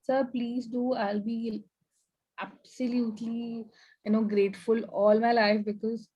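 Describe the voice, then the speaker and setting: A woman's voice: a little high, level tone, a little slow, warm tone, husky. A woman with an Indian English accent, a coaching client on a one-on-one call, eager and agreeable, often murmuring assent. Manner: eager, agreeable, frequent affirmations.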